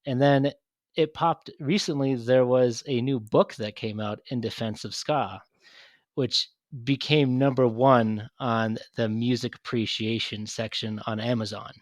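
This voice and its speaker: A man's voice: medium pitch, fairly even intonation, measured pace, no room sound. A man co-hosting a podcast, rambling in casual chat with many restarts and fillers. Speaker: podcast co-host.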